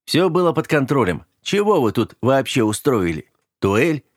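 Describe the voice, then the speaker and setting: A man voicing a friendly-sounding but menacing young man who switches between easy cheer and cold, clipped calm in an audiobook. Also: mid-range voice, normal speed, no room sound, clean studio sound, pitched above the performer's own voice. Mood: breezy. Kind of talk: audiobook character voice.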